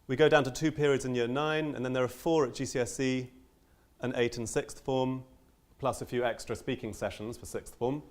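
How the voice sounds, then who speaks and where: Young male teacher, earnest conference speaker, mid-pitched, lots of ums and restarts. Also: steady tone, normal speed. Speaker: language teacher giving a conference talk. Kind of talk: conference talk.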